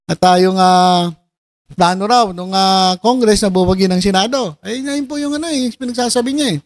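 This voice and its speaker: A man's voice: sits high, normal speed, dry recording, studio quality. A man giving casual reaction commentary, mocking and sarcastic, often breaking into laughter. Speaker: video commentator.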